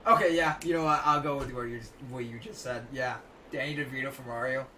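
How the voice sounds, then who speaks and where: A man doing casual video game commentary, excitable, often halting and repeating his words. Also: medium pitch, slight background noise. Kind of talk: casual gaming chat. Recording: distant mic under loud game music.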